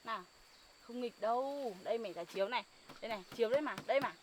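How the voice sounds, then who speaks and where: A mother cooing softly to her small child in sing-song baby talk. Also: fairly high pitch, very fast. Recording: loud insect and cricket noise outdoors.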